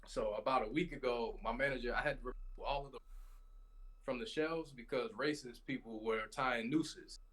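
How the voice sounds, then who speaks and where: A man's voice: mid-range voice, normal speed, fairly bright tone, poor audio. A man talking emphatically in a casual interview, often addressing the other man as "man". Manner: emphatic, says "man" a lot. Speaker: interview guest. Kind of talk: casual conversation.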